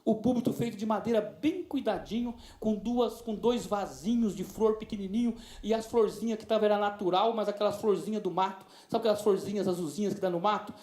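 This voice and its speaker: Brazilian pastor, high-pitched, fervent sermon in a roomy church. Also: male voice, a little fast, few pauses. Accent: Brazilian Portuguese. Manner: tender storytelling with many diminutives, building to loud fervent preaching. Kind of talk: sermon with storytelling. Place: church sanctuary. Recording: echoey church sound.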